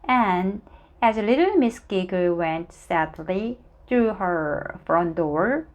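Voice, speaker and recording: A woman whose first language is Korean, reading a children's book aloud in a slow, expressive way, with small stumbles and friendly asides. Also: mid-range voice. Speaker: storybook reader.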